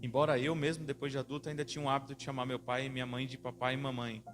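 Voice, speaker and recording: A man's voice: mid-range voice, flat delivery, very fast, over loud music. A man, a pastor in his thirties, preaching a sermon, telling family stories and asking the congregation to answer back. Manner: storytelling with acted-out family voices.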